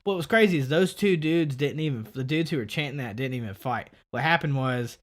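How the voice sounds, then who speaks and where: Animated man telling a story. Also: medium pitch, fairly quick. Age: 30s. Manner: animated storytelling, swearing freely. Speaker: podcast co-host. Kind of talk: casual chat.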